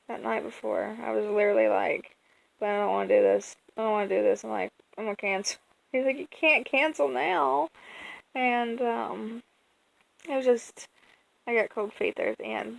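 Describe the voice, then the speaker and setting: An American woman talks in a fairly high voice with a strong creak running through it. She tells her story like a casual vlog, chatty and colloquial. Her retelling is animated, slipping into quoted lines and stretching words for emphasis. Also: rough recording. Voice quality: colloquial, folksy speech. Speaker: vlogger.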